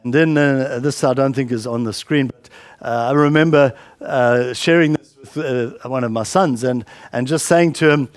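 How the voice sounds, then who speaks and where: This pastor's medium-pitched voice moves at a moderate pace through a meandering sermon packed with fillers and side remarks. The recording is dry, captured in a church hall on a handheld microphone whose battery is running low.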